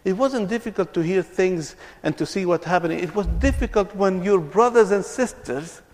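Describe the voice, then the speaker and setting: This ministry speaker on reconciliation, a Palestinian man, addresses an audience at normal speed in a voice that sits high. His storytelling is earnest and full of repeated words, with a long hall reverb trailing behind.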